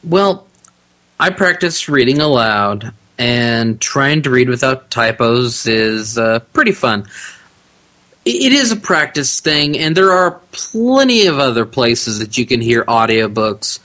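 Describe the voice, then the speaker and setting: A man speaks as a guest on a casual podcast interview. His voice is bright and forward, and he sounds relaxed and talkative, laughing easily. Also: mid-range voice, unhurried. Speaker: podcast guest, audiobook narrator.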